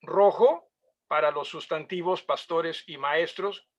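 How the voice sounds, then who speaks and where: Pastor teaching Bible grammar, high voice. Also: male voice, slow. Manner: explanatory, checks listeners with frequent questions.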